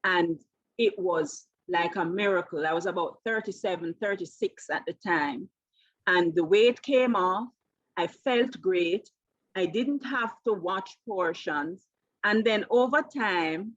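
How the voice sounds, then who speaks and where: A Jamaican-accented woman in her fifties, a keto coach appearing as an interview guest, tells her personal story conversationally. Her voice is on the low side and a little slow, and the recording is dry and muffled.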